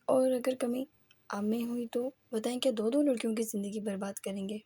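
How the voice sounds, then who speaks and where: Lady doing a crying young wife, bitter and accusing, husky and warm. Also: fairly high pitch, steady tone. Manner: sobbing, accusing.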